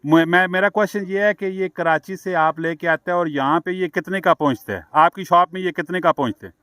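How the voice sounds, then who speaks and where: A man's voice: sits high, a little fast, bright, forceful tone, no room sound. A man with a Pakistani accent interviewing stallholders at an outdoor street market, repeating their answers back as questions. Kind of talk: vox-pop street interview.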